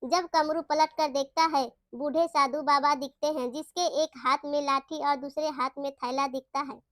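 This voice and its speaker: A woman narrating a moral folk story in a plain, steady reading. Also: high-pitched, normal speed, no room sound, clean studio sound.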